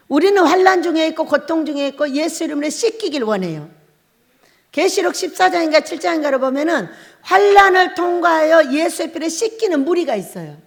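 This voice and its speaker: A middle-aged woman preaching with a high, lively voice that rises and falls a lot. She tells her testimony as a story and acts out the crying and shouting herself. The sound carries the long reverb of a church hall. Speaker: pastor. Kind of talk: sermon with personal testimony.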